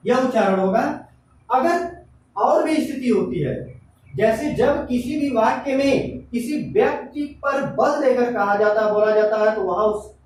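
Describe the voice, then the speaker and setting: A man's voice: sits high, darkish tone. A man teaching an English grammar lesson, explaining step by step and asking himself questions, then answering them. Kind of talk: classroom-style grammar lesson. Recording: echoey room, voice from a distance, faint noise.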